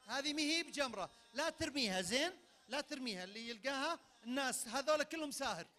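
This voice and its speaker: Saudi man, event game host, handheld mic; very high, piercing voice, lively and commanding. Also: fast talker. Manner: energetic, barks sudden commands. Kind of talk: leading a party game for a crowd. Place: large event tent. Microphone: handheld microphone.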